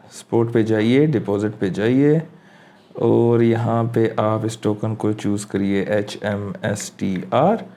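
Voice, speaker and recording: Mellow-voiced man walking through a screen tutorial. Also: on the low side. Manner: casual, thinks aloud while clicking through steps; mixes English phrases into his speech. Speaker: crypto tutorial host. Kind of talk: screen-recorded walkthrough tutorial.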